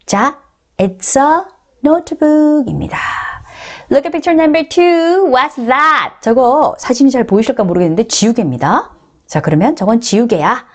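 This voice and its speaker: A middle-aged woman teaching beginner English grammar with a Korean accent, drilling words slowly and coaxing her viewers. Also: on the high side, expressive. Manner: addresses viewers often, coaxing and encouraging.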